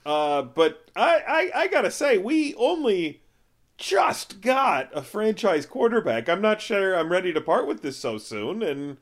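A man's voice: sits high, very animated, a little slow. A man co-hosting a comedy podcast, needling the guest with light teasing. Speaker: podcast co-host.

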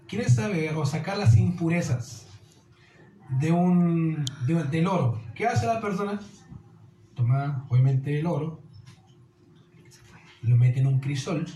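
Echoey, mellow-voiced male pastor preaching. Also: fairly high pitch, slight background noise. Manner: earnest preaching, addressing listeners as "querido". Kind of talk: sermon.

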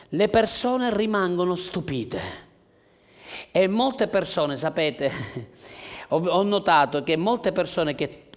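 High-voiced, impassioned male preacher. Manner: impassioned, rhetorical questions, swings from loud to hushed. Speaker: pastor. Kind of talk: sermon.

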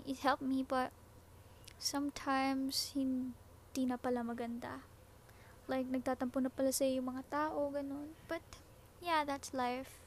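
A woman with a Filipino accent chatting casually and off the cuff as a podcast host, mixing Tagalog and English. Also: high voice. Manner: switches between Tagalog and English. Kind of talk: casual ad-lib podcast chat. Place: shared space, not a quiet recording room. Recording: noisy room with background ambience.

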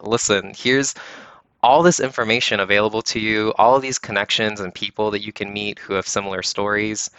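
A man with a low, bright and crisp voice speaks earnestly and reflectively, often pausing on "like". The sound is dry and dull, as if from a lo-fi call. He talks in a relaxed discussion tone. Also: dry recording. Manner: earnest, reflective, many "like" fillers. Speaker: panel guest. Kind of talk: casual discussion.

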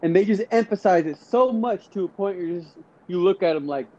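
A man co-hosting a podcast in casual chat, agreeable and quick to laugh. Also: high voice, animated, darkish tone, highs cut off. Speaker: podcast co-host.

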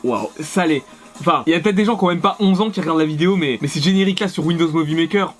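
A young man doing casual reaction commentary, excitable and swearing often, with frequent laughs. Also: a little high, racing, soft background music. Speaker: video creator.

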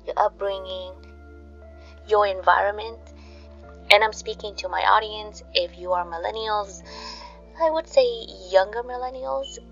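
A woman narrates in the soothing manner of a bedtime sleep story, gently addressing her listeners. Her voice has a creaky, fried edge at a medium pitch. The recording is a little dull, with faint music playing behind her. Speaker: host of a sleep podcast.

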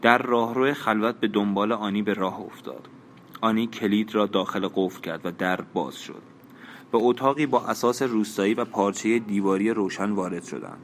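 A man narrating an audiobook in a measured, even reading. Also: lowish voice, a little hiss or hum.

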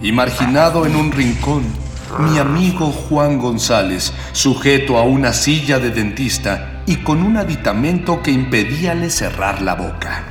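In a mid-range voice at a measured pace, a man narrates a radio serial with florid, pompous, declamatory mock-epic flair. Music plays behind him, and the recording carries a long, echoing reverb.

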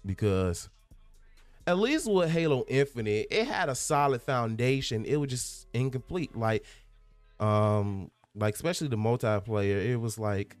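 A man's voice: medium pitch, a little mellow, no echo. A man hosting a casual gaming podcast who reads out a news article and keeps breaking off to ramble and stumble over his words. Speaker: podcast host.

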